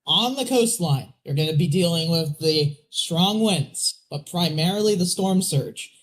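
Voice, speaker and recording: A man's voice: a little high, animated, a little slow. A man co-hosting a weather livestream with casual, conversational live commentary and plain explanations.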